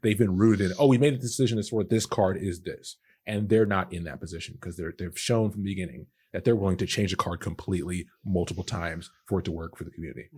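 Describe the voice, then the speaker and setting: A man's voice: low-pitched, fast talker, few pauses, a little mellow, slightly rough. A man co-hosting a casual gaming podcast, talking in long, laid-back run-on thoughts. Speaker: podcast co-host.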